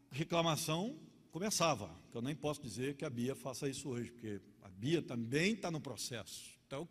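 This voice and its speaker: A middle-aged male pastor with a Carioca accent preaches with a slightly husky, fairly high voice. His delivery is animated and full of acted-out exchanges. The sound carries a long reverb from a church hall. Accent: Carioca Portuguese. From Rio de Janeiro. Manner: animated storytelling, acting out quarrels. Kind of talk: sermon.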